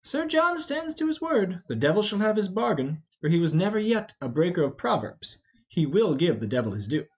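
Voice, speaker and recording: A man's voice: high-pitched, big pitch swings, normal speed, a little mellow. A man voicing a witty, teasing young prince with bantering retorts in an amateur Shakespeare reading. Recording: dull, lo-fi.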